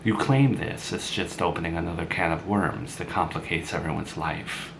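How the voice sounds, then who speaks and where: A man's voice: deep voice, moderate pace, creaky, noisy background. A man voicing a blunt, sarcastic grown woman who had a child young, in an amateur drama. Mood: guarded. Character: blunt sarcastic mother, grown woman, once a teen mom.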